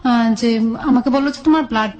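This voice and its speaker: A woman with a Bangladeshi accent tells her own life story in an interview, candid and colloquial, often replaying conversations as dialogue. Her voice is a little high, a little fast, and a little mellow.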